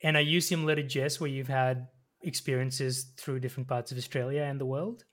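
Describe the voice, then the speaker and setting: A man's voice: mid-range voice, little pitch movement, a little fast, fairly bright tone. A man hosting a podcast interview, asking questions in an upbeat, friendly way. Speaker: podcast host.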